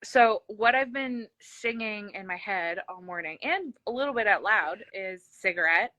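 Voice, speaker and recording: A woman interview host has a very bright, forward, medium-pitched voice with a slight lisp, animated yet measured in pace. She chats casually and effusively, rambling and poking fun at herself. The recording is dry and close, with no echo.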